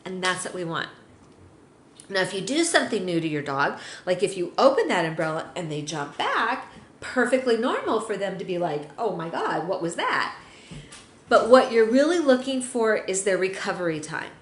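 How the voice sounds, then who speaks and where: A woman's voice: medium pitch, sing-song, moderate pace. A middle-aged woman, a dog trainer, giving chatty, upbeat training advice to dog owners. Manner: upbeat and chatty, acting out pets' thoughts. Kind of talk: instructional talk to dog owners. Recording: roomy echo, faint hiss.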